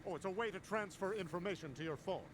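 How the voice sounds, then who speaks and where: A man as a brash high-voiced cartoon dad. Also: fast talker, background noise, lightly acted. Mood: breezy, self-satisfied. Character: brash, dim, cheerful suburban dad and agent.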